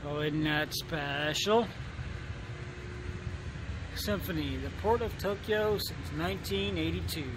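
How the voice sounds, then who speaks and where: A man's voice: fairly high pitch, slow, long pauses. Chatty man vlogging on a windy deck. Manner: chatty, rambling, wry asides. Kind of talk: casual vlog narration. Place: outdoor deck of a boat at night. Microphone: handheld camera at arm's length. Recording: loud wind and boat noise. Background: wind and engine noise.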